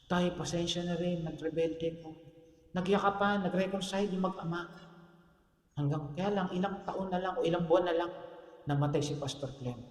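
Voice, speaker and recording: High-voiced Filipino pastor in echoey hall. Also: male voice, steady tone, moderate pace. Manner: switches between Tagalog and English, asks the congregation "Amen?"; swings between soft low storytelling and loud emphatic points. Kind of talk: sermon. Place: church hall. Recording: roomy, echoey church hall.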